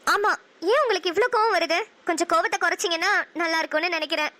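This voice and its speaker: A woman voicing a gentle, lovestruck young elder sister in a cartoon, soft and coaxing, with a Namakkal Tamil accent. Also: very high-pitched, quick pace. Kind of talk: cartoon voice acting.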